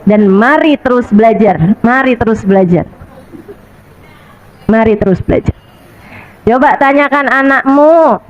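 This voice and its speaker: A woman preacher with a high voice talks her congregation through a colloquial sermon. She is lively and chatty, circling back to the same rhetorical questions. The recording sounds slightly dull and lo-fi. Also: unhurried, pauses often. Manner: chatty and animated, repeats rhetorical questions, acts out quotes. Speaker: Islamic preacher. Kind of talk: colloquial sermon to a women's audience.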